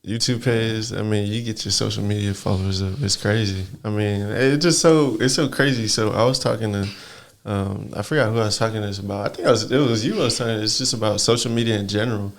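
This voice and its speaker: Podcast host guy, low gravelly voice, rambles and restarts his questions a lot. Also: fairly even intonation, quick pace. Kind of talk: casual podcast chat.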